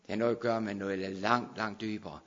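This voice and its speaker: A man preaching a sermon, moving between quiet explanation and loud, shouted proclamation. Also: fairly low pitch, steady tone, big-room sound, muffled recording.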